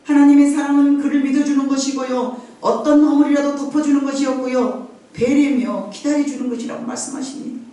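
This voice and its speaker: A woman's voice: high voice, fairly even intonation, fairly quick, warm tone. A woman preaching a sermon in a conversational way, acting out family voices and laughing often. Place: church sanctuary. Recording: echoey church hall from far off.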